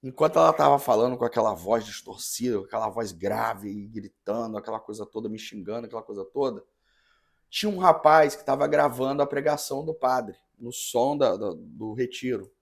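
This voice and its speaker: A man who is a parish priest, telling a story in a podcast conversation with an earnest, halting manner and many restarts. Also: medium pitch, gravelly.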